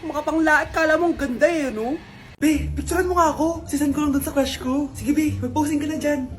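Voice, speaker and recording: A woman with a Filipino accent acting loud, teasing, dramatic characters in exaggerated family comedy skits. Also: high voice, a little fast, a little hiss or hum, natural voice. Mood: mocking. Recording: loud music under the voices.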